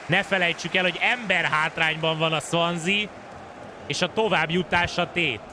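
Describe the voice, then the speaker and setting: There is distinct noise behind this man's fairly high voice. He delivers excited sports commentary on a football video game, following the play and stretching out key calls. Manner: excited, swinging into drawn-out shouts at chances. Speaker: gaming host and match commentator.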